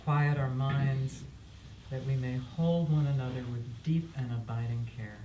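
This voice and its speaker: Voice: mid-range voice, steady tone, unhurried, dark tone, highs cut off. Solemn memorial officiant in an echoey room. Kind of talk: solemn memorial closing words and prayer. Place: echoey indoor memorial service space. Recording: distant mic in echoey room, faint noise.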